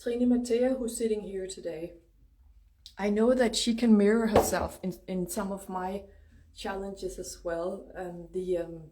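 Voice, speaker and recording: Mellow Danish-accented woman in echoey room. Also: medium pitch, fairly even intonation, slight background noise. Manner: informal, freely swearing, emphatic pauses. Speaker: spiritual astrology host. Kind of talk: casual spiritual livestream talk. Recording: roomy echo, distant microphone.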